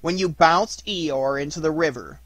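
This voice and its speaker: A man voicing a brisk, bossy, self-important rabbit in a storybook, with a pompous questioning manner. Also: fairly high pitch, a bit bright, no room sound. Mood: important, flustered.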